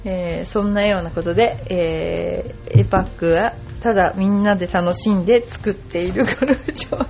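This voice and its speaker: A woman's voice: on the low side, steady tone, normal speed, creaky, darkish tone. A woman host chatting casually and rambling, with many fillers. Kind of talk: casual radio talk. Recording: slightly dull lo-fi sound with faint music.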